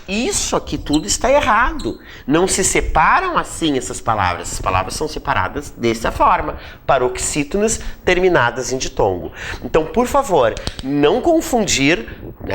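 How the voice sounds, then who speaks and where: A woman teaching a grammar lesson for exam prep, explaining step by step and stretching out key words for emphasis. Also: on the low side. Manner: drawn-out emphatic word-by-word explanations.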